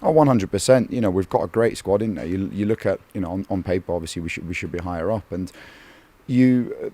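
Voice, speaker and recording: A man's voice: low voice, animated, fast talker, dark tone. A man in his thirties, a goalkeeper in a post-match interview, talking earnestly with many fillers and repeated words.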